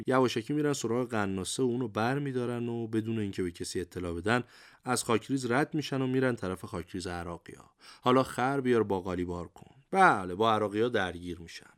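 An older man tells his war memories in a relaxed, colloquial way, sprinkling in everyday idioms. His voice sits low and he speaks as if to friends across a table. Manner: conversational, lively retelling with idioms. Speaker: war veteran narrator. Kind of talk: colloquial memoir storytelling.

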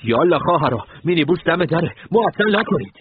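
A man's voice: on the low side, husky, no echo, phone-quality sound. A man voicing a resolute military commander who earnestly urges women to leave. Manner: urging, earnest. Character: resolute male military commander, grave, fatherly.

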